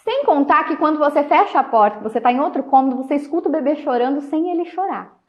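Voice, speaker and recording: A woman talking casually on a live stream, chatty, laughing often and trailing off softly at the ends of phrases. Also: high voice, expressive, fast talker. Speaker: host. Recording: dull lo-fi live-stream audio.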